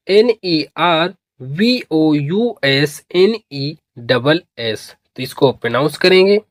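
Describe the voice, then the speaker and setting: A man's voice: on the high side, no echo, studio quality. A man teaching English spelling, reading each word letter by letter, then asking his students to say it back. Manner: spells words letter by letter and asks students to repeat. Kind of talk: slow spelling lesson.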